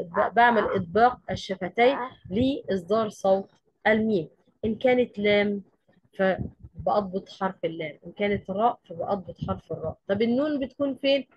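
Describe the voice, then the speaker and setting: On the high side and husky, this Quran recitation teacher's voice carries an Egyptian accent as she walks through tajweed one step at a time. She frequently asks a question and supplies the answer herself. There's no echo, though the sound is dull.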